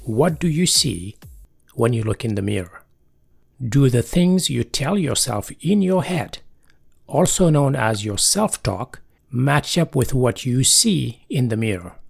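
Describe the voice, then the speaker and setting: A man's voice: mid-range voice, sing-song, a little slow, vocal fry, slightly rough, soft background music. A man hosting a motivational podcast, introducing episodes and interviewing guests. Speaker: podcast host.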